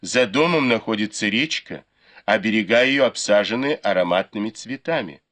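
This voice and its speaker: A man's voice: lowish voice, lively intonation, normal speed, a bit bright. A man voicing a cheerful young lady who teases her companion lightly. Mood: teasing, lively. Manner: light, teasing.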